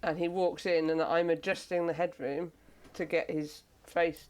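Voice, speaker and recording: A woman speaking on a panel as a camera operator, animated and breaking off into quick asides. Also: fairly low pitch, clean tone. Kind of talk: panel discussion. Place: event in front of an audience.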